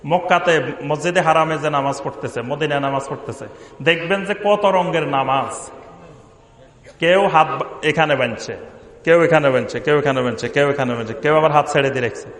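High-voiced preacher in an echoey hall. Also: male voice, a little fast, a bit bright. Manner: argues through repeated rhetorical questions. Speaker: imam and Islamic preacher. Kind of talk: question-and-answer sermon. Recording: echoey hall with long reverb.

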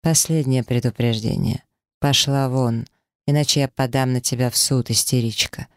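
A man's voice: mid-range voice, steady tone, normal speed, no room sound, clean studio sound, lightly acted. A man reading the lines of a cold, contemptuous rich man who speaks curtly. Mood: threatening. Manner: curt, contemptuous.

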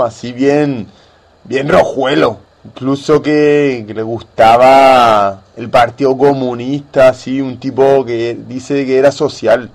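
A man with a mid-range, somewhat dark voice plays the patient in a satirical radio sketch. He talks colloquially and with mock earnestness, keeping the dialogue slow and casual.

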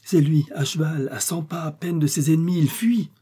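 A man voicing an excitable male hunter. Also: mid-range voice, moderate pace, breathy edge, close to an everyday voice. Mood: agitated. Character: adult male hunter, excitable and keen-eyed. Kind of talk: audiobook character reading.

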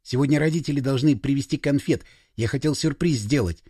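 A man voicing an earnest boy about to turn eleven who speaks in a hushed voice. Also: mid-range voice, a little fast, husky, no echo, studio quality, close to an everyday voice.

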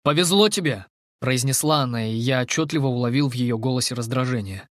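Мужчина, ровное чтение аудиокниги. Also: male voice, medium pitch, fairly even intonation, fast, dry recording, studio quality. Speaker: audiobook narrator. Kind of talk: first-person fantasy audiobook narration.

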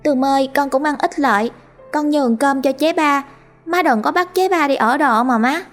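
A woman's voice: high voice, fast talker, faint music behind, pitched above the performer's own voice, close to an everyday voice. A woman with a Southern Vietnamese accent voicing small younger sisters who plead tearfully for their older sister. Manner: crying, pleading.

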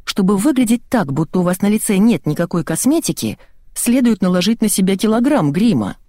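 A woman's voice: mid-range voice, big pitch swings, brisk, warm tone, no echo, clean studio sound, voice pushed up. A woman doing a bored, grumbling young makeup artist. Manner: grumbling, indifferent. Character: thin indifferent young female makeup artist.

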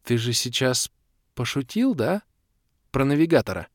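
A man voicing an excitable young woman in an audiobook, squealing and firing rapid questions. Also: mid-range voice, no room sound, studio quality, pitched above the performer's own voice. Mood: startled. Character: excitable young woman, shrieking, quick to pester. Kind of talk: audiobook character voice.

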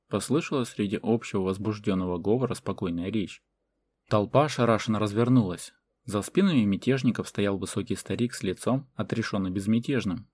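A man reading a fantasy novel as audiobook narration in a measured way. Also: lowish voice, a little mellow, slightly rough. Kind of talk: scripted narration.

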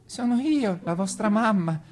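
A man voicing a wolf who fakes a mother goat in a high bleating falsetto, syrupy and coaxing. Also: animated, measured pace.

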